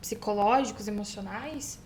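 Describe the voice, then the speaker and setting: A woman's voice: medium pitch, moderate pace, a little mellow, slight background noise. A woman with a Brazilian accent co-hosting a podcast, speaking conversationally and asking the guest questions. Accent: Brazilian Portuguese. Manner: conversational, asks questions with many tag questions. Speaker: podcast co-host. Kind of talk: casual interview chat.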